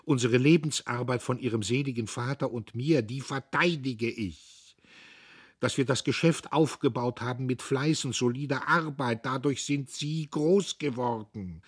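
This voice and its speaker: A man playing an old, bitter foreman, pleading and reproachful, his voice pushed up high and strained. It carries a husky grain, in the manner of a storybook reading. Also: a little slow. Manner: pleading and reproachful, rising to shrill anger.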